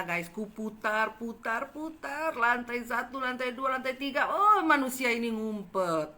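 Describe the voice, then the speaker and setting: A woman telling a gossipy story to her viewers, animated and dramatic, acting out the quotes. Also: fairly high pitch. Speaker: channel host telling a story.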